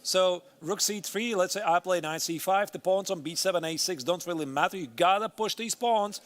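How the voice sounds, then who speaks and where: A man's voice: high voice, moderate pace. A man giving live chess commentary, thinking aloud through moves in a conversational way.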